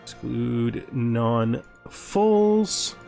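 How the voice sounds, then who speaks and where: A gaming video host thinks aloud to himself in casual commentary as he plays a strategy game, with music underneath. His medium-pitched voice is dark and fry-laden, swinging widely in pitch while he draws out his words.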